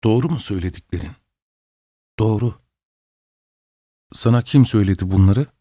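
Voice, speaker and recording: A man reading an audiobook, voicing a young sailor who speaks in hushed, stunned tones. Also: on the low side, moderate pace, no room sound, studio quality, lightly acted. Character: young sailor, shaken and grieving.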